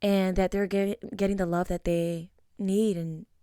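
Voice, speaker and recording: A woman's voice: mid-range voice, a little slow, clean tone, no echo, clean studio sound. A young adult woman co-hosting a podcast in casual, emotional chat, full of fillers. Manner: emotional, animated, many fillers. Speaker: podcast co-host.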